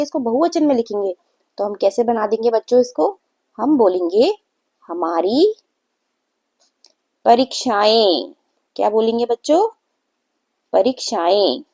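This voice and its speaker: A woman's voice: on the high side, darkish tone. Patient woman teaching young kids. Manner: patient, repeats words slowly and asks the class questions; frequent "theek hai" check-ins. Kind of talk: Hindi grammar lesson for children.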